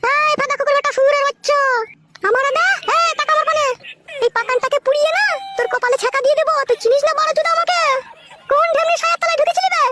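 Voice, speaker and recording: A woman voicing a shrill, foul-mouthed young wife, screeching insults in a comic skit. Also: quick pace, heavy background noise. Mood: raging.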